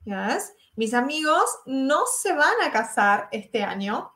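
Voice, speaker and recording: A young woman from Argentina with an Argentine Spanish accent, teaching English in a live online lesson, drilling examples slowly and checking that students follow. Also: high voice, big pitch swings, sharp tone, reverberant.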